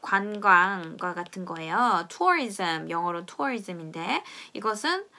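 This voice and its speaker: A young woman teaching pronunciation in a friendly video lesson, explaining patiently and drilling sounds slowly for viewers to repeat. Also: mid-range voice, sing-song, bright, forceful tone. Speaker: language teacher.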